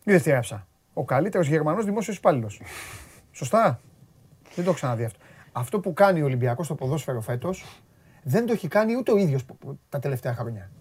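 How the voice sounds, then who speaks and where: A man's voice: on the high side, big pitch swings, darkish tone, breathy edge. A man hosting a radio show, chatting casually and teasing his co-hosts, often jumping in. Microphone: studio microphone.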